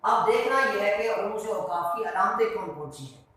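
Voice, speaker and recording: A man teaching grammar in Urdu, dictating definitions slowly and repeating phrases as a classroom teacher. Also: high voice, expressive, sharp tone. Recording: very echoey room, voice from far off.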